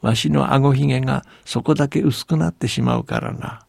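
A man reading a storybook aloud and voicing a huge ancient male giant of the north, who speaks loudly with drawn-out blowing breaths. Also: mid-range voice, gravelly, slightly rough, no room sound, studio quality. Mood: kindly, grave.

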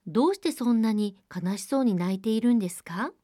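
Storybook frog prince, courteous and pleading, rising high on his calls, read by a woman. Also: animated, warm tone, dry recording, studio quality. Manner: courteous, imploring, drawn-out calls. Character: polite pleading male frog, squat and persistent.

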